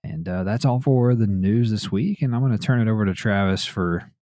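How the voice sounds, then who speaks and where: A man's voice: fairly low pitch, brisk, warm tone, no echo, clean studio sound. A man hosting a gaming news podcast, reading headlines and chatting casually in a laid-back way. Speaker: podcast host.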